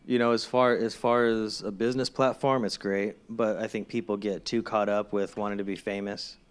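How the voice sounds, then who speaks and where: A man's voice: lowish voice, flat delivery, moderate pace, smooth. A man guesting on a podcast, a barber in casual chat, laid-back and swearing casually as he tells stories.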